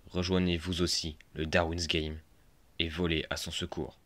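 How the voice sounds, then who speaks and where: A man's voice: low voice, level tone, normal speed, a bit bright, pitched below the performer's own voice. A man voicing a solemn game announcer who reads out a scripted, dramatic plea.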